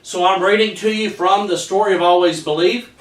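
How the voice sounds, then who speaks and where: Speaking a little fast in a high voice with fairly even intonation, a middle-aged male teacher reads his own story with sincerity and stumbles over certain words. The sound is distant and echoey, as if the microphone were across the room.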